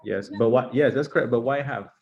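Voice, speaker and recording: A man teaching English in a brisk, encouraging way, drilling grammar with his class in a comedic sketch. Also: medium pitch. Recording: slightly muffled lo-fi recording.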